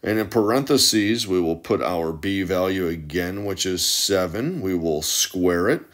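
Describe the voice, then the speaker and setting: A man teaching math as a voice-over, walking methodically through each step out loud. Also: sits low, unhurried. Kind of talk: step-by-step tutorial narration.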